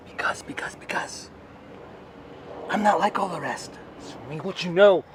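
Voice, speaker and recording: A man's voice: high-pitched, a little fast, close to an everyday voice. An actor playing a twitchy, paranoid male vagrant, raving cryptically in repetitive, sing-song mutters. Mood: manic warning. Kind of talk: film acting. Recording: noisy location sound.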